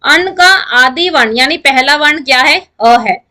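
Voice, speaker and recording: Bright high-voiced woman teaching grammar. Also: expressive, measured pace. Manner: explains step by step, asks and answers her own questions. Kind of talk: online lecture to students.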